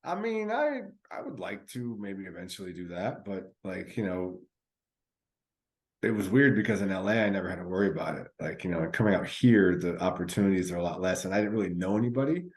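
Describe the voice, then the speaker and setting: A man's voice: low voice, animated, fairly quick, a little mellow. A man co-hosting a podcast in casual chat, laid-back and rambling with many fillers. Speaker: podcast co-host.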